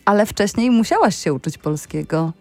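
A female radio host chats casually with her guests at a medium pitch. She is playful and talkative, circles back over her own phrases and tosses in the odd French word. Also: expressive, normal speed, a crowd in the background. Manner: playful, chatty, repeats phrases and drops in French words. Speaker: radio host interviewing musicians. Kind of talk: casual live interview chat.

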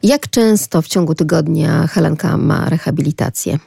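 This woman interviewer has a low, gravelly voice with a dark, mellow tone. She asks engaged, admiring questions in a broadcast interview. The sound is dry and close. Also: normal speed, no room sound.

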